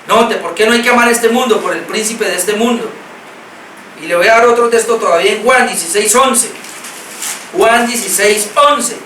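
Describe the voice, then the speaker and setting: Bright-voiced Colombian pastor preaching. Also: male voice, sits high, normal speed, slight background noise. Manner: earnest, repetitive preaching with scripture readings. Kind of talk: sermon. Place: church hall. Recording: echoey hall, mic at a distance.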